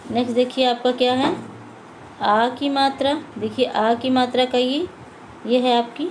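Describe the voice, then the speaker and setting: A woman's voice: a little high, darkish tone, a little hiss or hum, low-quality recording. A woman teaching a Hindi lesson to young children, patiently repeating words and asking and answering her own questions. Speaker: primary school Hindi teacher.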